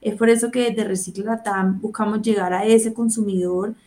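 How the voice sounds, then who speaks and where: A woman's voice: mid-range voice, fairly even intonation, moderate pace, mellow. A young woman from Colombia's Caribbean coast, with a Caribbean Colombian Spanish accent, answering as a guest in a radio interview. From Barranquilla, Caribbean coast of Colombia. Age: young adult. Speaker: interview guest, NGO director.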